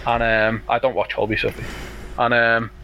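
A man's voice: medium pitch, normal speed, muffled recording, a little hiss or hum. A man from Liverpool with a strong Scouse accent, chatting casually and telling sweary anecdotes as a podcast co-host. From Liverpool, England. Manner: sweary, animated storytelling.

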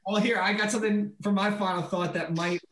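Teasing sports podcast co-host, echoey room. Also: male voice, high-pitched. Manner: teasing, quick and animated. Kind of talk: casual sports chat.

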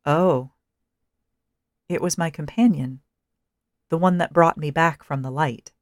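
Woman narrator, low voice, measured wry storytelling, dry dead sound. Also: no room sound. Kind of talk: first-person story narration.

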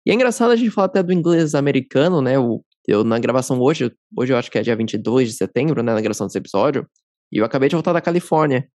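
A man hosts a podcast, talking fast and friendly in a steady mid-range voice. The sound is dry and close, with no room around it. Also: mid-range voice, no room sound. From Brazil. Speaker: podcast host. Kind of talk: casual interview chat.

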